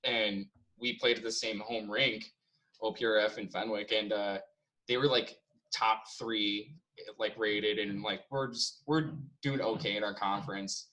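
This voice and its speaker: A man's voice: lowish voice, fairly even intonation, measured pace, pushed and bright, poor audio. A young man from the Chicago area, a podcast co-host telling stories in casual chat, laughing often and swearing freely. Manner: laughing storyteller, heavy swearing.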